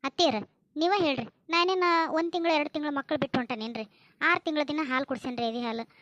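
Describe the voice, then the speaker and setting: A woman with a North Karnataka accent acting in a family comedy skit, chatty, brisk and plain-spoken. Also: high voice, a bit bright, dry recording, muffled recording. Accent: North Karnataka Kannada.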